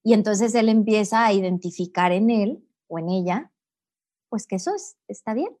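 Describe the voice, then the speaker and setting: Middle-aged woman, calm coach-y guest, keeps asking "no?" as she explains. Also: mid-range voice, moderate pace, background noise. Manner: calm, teacherly, with many "¿no?" tags. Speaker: guest, personal growth coach. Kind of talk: reflective interview talk.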